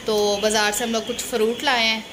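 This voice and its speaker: A young woman with a slightly high, fairly flat voice talks briskly to her viewers in a casual home vlog. She's a vlogger and Sunday school teacher, chatting straight to a phone camera held at arm's length in a small room at home, with background noise audible.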